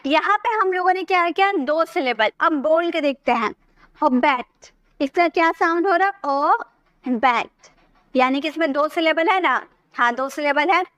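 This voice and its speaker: A woman with a high, bright-pitched voice teaches a grammar lesson, taking each rule slowly and checking in with her students as she goes. Her voice is recorded close to the mic in a dry room with almost no echo. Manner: patient, explains step by step and asks questions to check understanding. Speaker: English teacher. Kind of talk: spoken English lesson.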